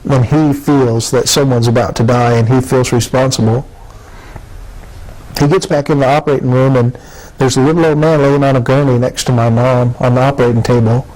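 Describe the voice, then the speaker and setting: A man's voice: medium pitch, fairly even intonation, a little fast, darkish tone, poor audio. A man in his fifties from Texas, earnestly telling a personal testimony with vivid detail. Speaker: storyteller giving a testimony.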